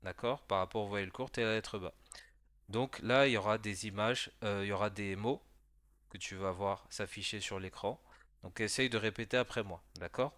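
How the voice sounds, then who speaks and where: A man teaching a beginner language lesson in a patient, explaining voice-over, pausing to check the listener follows and sounding out syllables slowly. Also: lowish voice, a bit bright, no room sound. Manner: spells out sounds slowly for repetition.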